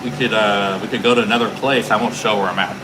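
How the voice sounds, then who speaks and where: Out on a city street with a streaming camera rig, a man livestreams in a loud, carrying voice that sits on the low side. He talks fast with fairly even intonation, rambling casually and full of fillers and restarts, and the street noise is clearly heard.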